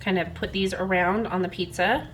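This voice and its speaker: Woman host for a casual kitchen demo, medium pitch, easygoing and self-deprecating, light room noise behind. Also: fairly even intonation, normal speed, a bit bright, rough recording. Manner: chatty, self-deprecating, talks while working. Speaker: cooking channel host. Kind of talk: home cooking demonstration. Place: home kitchen.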